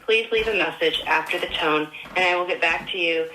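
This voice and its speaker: A woman's recorded voicemail greeting plays down a phone line, polite and measured. Her voice sits fairly low but sounds bright and clear. The line is echoey, with a faint hiss behind it. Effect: recorded voicemail greeting heard over a phone line. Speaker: therapist.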